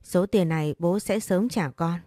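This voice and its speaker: A woman's voice: on the low side, unhurried, warm tone, no room sound, studio quality. A woman voicing an ashamed older father who begs his daughter for money, speaking hesitantly and stammering. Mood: pleading, ashamed.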